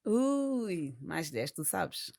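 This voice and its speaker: A woman's voice: lowish voice, very animated, very slow, vocal fry, darkish tone, no room sound, studio quality. A woman born in Portugal with a European Portuguese accent, co-hosting a podcast with laughing, bantering replies. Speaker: podcast co-host. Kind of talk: casual chat.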